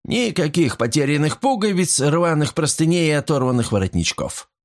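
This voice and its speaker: A man's voice: fairly high pitch, big pitch swings, normal speed, voice pushed up. A man doing a hearty old servant woman. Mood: determined. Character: warm-hearted middle-aged female servant.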